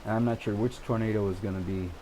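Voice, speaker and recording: Low-voiced man thinking aloud, noisy background. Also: quick pace. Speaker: gamer narrating a storm-chasing simulation game. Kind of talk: casual gameplay commentary. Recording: clear steady background noise.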